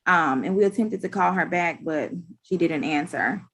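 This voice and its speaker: A woman speaking as a state's attorney in a formal, halting, procedural way on a video call. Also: lowish voice, a little hiss or hum. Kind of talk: formal courtroom questioning.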